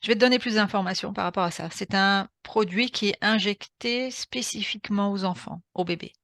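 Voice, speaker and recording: A woman with a French accent, calmly guiding a session with questions and short murmurs of encouragement. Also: medium pitch, a little fast, dry recording, clean studio sound. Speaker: session guide.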